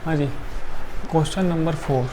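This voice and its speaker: Man, tired chemistry teacher, lecture style, slightly high voice, faint hiss. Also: normal speed. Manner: counts atoms aloud, frequent checking tags. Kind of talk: classroom lecture.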